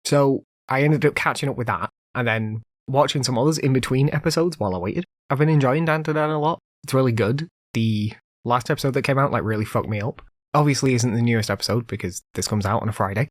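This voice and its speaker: The solo podcast host here is a man of medium pitch who rambles casually, dropping in lots of fillers. He's recovering from illness, and at times his voice cuts out. The audio is studio quality, without any room sound.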